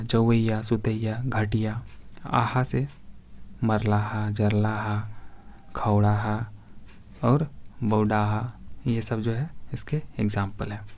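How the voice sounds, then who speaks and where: A man's voice: lowish voice, fairly even intonation, takes it slowly, long pauses, a little mellow. A man teaching a grammar lesson for exam preparation, reading out word examples one by one and addressing viewers as friends.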